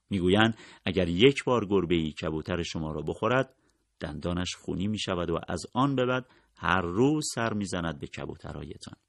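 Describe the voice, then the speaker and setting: A man narrating a novel in a calm, measured way, his voice sitting very low with a gravelly edge. The sound is dry and close, with no room around it. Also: no echo. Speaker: audiobook narrator. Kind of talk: scripted literary narration.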